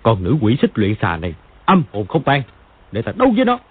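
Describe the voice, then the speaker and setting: Woman reading as a hot-tempered old male fighter for an audiobook, deep and gruff, phone-like sound. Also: a little fast. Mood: angry.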